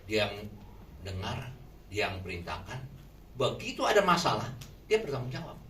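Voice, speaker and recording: A man preaching a sermon in a lively way, often putting questions to the congregation. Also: lowish voice, moderate pace. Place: shelter hall. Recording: echoey room from far off, faint noise.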